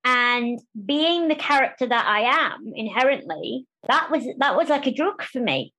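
A woman speaking candidly as a podcast interview guest, animated and quick to restart phrases and act out what others say. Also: high-pitched, rough recording. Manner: animated, restarts phrases, acts out quoted voices.

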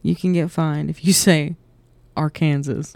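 A woman's voice: sits low, measured pace, dark tone, slight background noise. A woman from the American South with a Southern accent, chatting casually as a podcast co-host, joking and laughing often. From southern United States. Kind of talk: casual chat.

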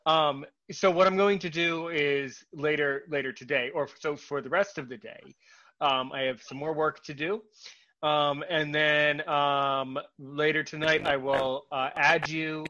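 A male podcast host with a bright, forceful, fairly high voice, who halts and repeats himself, filling pauses with ums. The sound is dull and lo-fi. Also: flat delivery. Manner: halting, repeats words, many fillers. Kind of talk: casual podcast talk.

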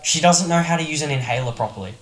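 A man's voice: fairly high pitch, lively intonation, fast. A man, co-hosting a casual film review podcast, blunt and opinionated, with some swearing. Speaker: podcast co-host. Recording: echoey room.

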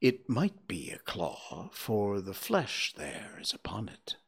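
A grave, sorrowful spirit whose low voice sinks into breathy whispers, performed by a man reading aloud. He speaks slowly and solemnly, letting his words fade away at the ends of phrases. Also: huge pitch swings, full character voice. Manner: hushed, half-whispered, sorrowful.

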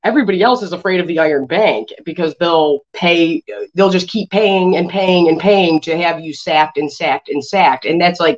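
Woman reviewer, slightly low voice, lively recap chat, dull lo-fi sound. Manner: animated, acts out characters' lines in quotes. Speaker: show reviewer and co-host. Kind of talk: casual TV show discussion.

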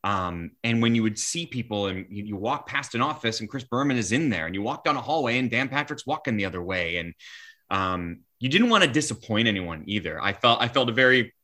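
A man in his forties, a sports broadcaster, telling stories in a podcast interview, animated and full of restarts. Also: mid-range voice, a little fast. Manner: animated, acts out quoted voices, many restarts.

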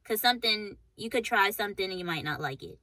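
A woman co-hosting a podcast, chiming in with quick agreement and reflecting on her own experience of relationships. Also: medium pitch, animated, pushed and bright, dry recording, poor audio. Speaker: podcast co-host. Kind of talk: casual relationship talk.

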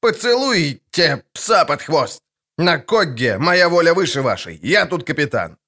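A gruff, defiant ship captain, mocking and unafraid of his lord, as a male audiobook reader puts him on. He talks in quick spurts, his voice sitting fairly high. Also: sing-song, pushed and bright, heavily acted. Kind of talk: audiobook character voice.

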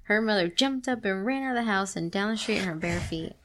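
A woman's voice: medium pitch, brisk. A woman hosting a show, reading a story aloud and breaking off for playful, sarcastic comments. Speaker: podcast host reading stories aloud. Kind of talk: casual reading aloud with joking asides.

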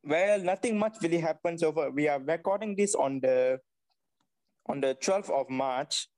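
Young man, casual podcast banter, fairly high voice, mixes in Malay, laughs often. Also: normal speed, a little mellow. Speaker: podcast co-host. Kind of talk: casual chat.

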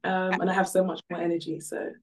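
A woman's voice: lowish voice, level tone, fast. A woman from Ghana, a guest on a podcast, chatting casually and upbeat with many fillers. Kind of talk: casual interview chat. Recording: distant from the mic.

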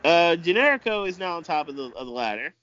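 A man giving improvised amateur wrestling commentary, speaking haltingly and often repeating himself. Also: fairly high pitch, very animated, fairly bright tone, dull audio, slight background noise.

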